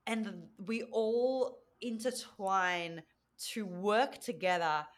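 A woman mentor speaking as a podcast guest, earnest and reflective in a measured way. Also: medium pitch. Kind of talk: reflective interview talk.

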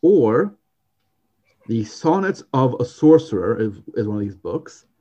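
A man's voice: medium pitch, big pitch swings, a little slow, mellow, breathy edge, highs cut off. A man co-hosting a podcast, chatting casually and rambling, with many fillers and restarts. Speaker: podcast co-host. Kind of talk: casual chat.

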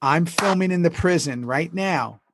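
A man's voice: a little high, unhurried, a bit bright. A man co-hosting a podcast, telling stories in a casual, conversational way. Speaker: podcast co-host. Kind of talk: casual chat, storytelling.

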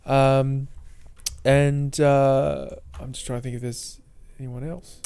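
A man co-hosting a casual sports discussion, halting as he thinks aloud. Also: medium pitch, level tone, vocal fry, mellow, smooth. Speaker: sports podcast co-host.

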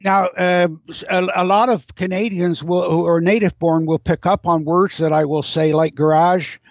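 A man's voice: high-pitched, fairly even intonation, normal speed, gravelly, dry recording. An older English-born man with a North American accent, explaining things at length as an interview guest. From England. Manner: lecturing, digressive storyteller. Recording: dull lo-fi audio.

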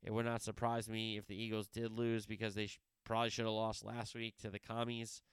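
A man with a slightly low, very smooth and resonant voice runs a solo sports podcast. He previews games casually and keeps drifting into side stories before pulling himself back. He corrects himself mid-sentence, and the sound is close and dry. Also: monotone, brisk, no room sound. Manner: rambling, goes off on tangents and corrects himself mid-thought.

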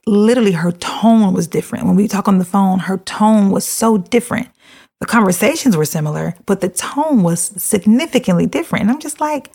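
A woman's voice: medium pitch, vocal fry, darkish tone. A woman speaking earnestly and casually to her listeners, full of "you know" and repeating her main points for emphasis. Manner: emphatic, repeats key phrases for stress. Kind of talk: earnest monologue on mental health.

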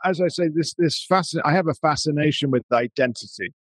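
A man, likely from England, hosting a podcast interview in a relaxed, conversational way. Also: on the high side, fairly quick, no room sound, rough recording. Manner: relaxed conversational, laughs easily. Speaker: podcast host.

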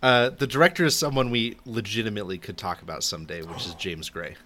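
Laid-back guy chatting movies on a podcast, chuckles a lot, relaxed. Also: lowish voice, fast talker, a little hiss or hum. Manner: easygoing, laughs often. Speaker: podcast co-host. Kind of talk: casual film discussion.

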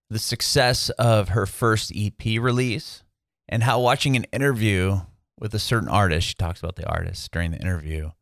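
A man's voice: on the low side, fairly bright tone, no echo, clean studio sound. A man hosting a music podcast, chatting casually and upbeat over a video call, with short friendly affirmations. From San Diego, Southern California. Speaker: podcast host. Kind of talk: casual interview chat.

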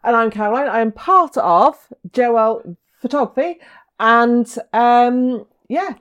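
A woman's voice: fairly high pitch, unhurried, muffled recording. A middle-aged woman, co-hosting a wedding podcast in casual chat with lots of ums. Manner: chatty, lively, lots of ums. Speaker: podcast co-host, wedding photographer.

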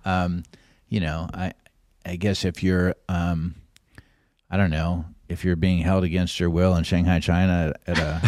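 Male guest, very low voice, dry close sound, laid-back rambling anecdotes. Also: flat delivery, a little slow, darkish tone, no room sound. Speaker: podcast guest, concierge business owner. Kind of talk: casual anecdotal storytelling.

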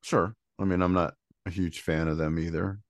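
A man's voice: low-pitched, steady tone, moderate pace, no room sound, dull audio. A man from Michigan, a band musician, chatting easily as an interview guest and laughing often. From Michigan, USA. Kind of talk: casual interview chat.

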